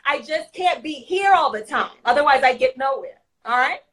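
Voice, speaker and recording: Woman, guest storyteller, high voice, very lively, acts out voices. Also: normal speed, poor audio. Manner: animated, acts out voices, laughs while telling. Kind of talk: animated storytelling.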